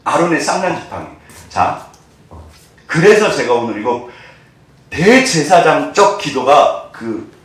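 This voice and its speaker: A man's voice: mid-range voice, fairly bright tone. A male pastor preaching a sermon, keeps questioning the congregation and acting out the lines he quotes. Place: church sanctuary. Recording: echoey church hall from far off.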